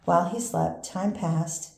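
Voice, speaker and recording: An older woman, a grandmother, reading a children's picture book aloud in a gentle, unhurried storytelling manner. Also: lowish voice. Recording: roomy echo with faint background noise.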